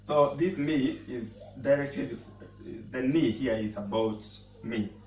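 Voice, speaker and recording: A man who speaks natively, teaching a casual language lesson and pausing often to repeat words as he explains. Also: mid-range voice, a little mellow. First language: Swahili. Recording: roomy echo, mic at a distance, faint noise.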